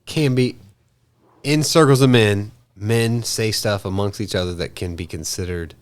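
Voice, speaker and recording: A man with a very deep voice on a casual podcast. He speaks in a laid-back way, probing with questions and weighing in on the debate. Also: a little slow. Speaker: podcast co-host.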